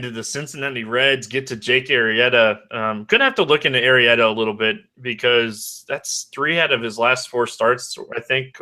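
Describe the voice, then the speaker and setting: A man hosting a fantasy baseball podcast over an online call, rattling off stats in a brisk, stat-heavy way. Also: mid-range voice, pushed and bright. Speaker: podcast host. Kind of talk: fantasy baseball analysis chat.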